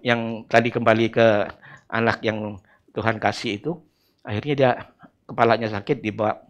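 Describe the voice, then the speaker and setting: A middle-aged man with an Indonesian accent preaching a sermon, telling the story in a lively way and breaking into acted voices. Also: mid-range voice, muffled recording. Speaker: church elder preaching.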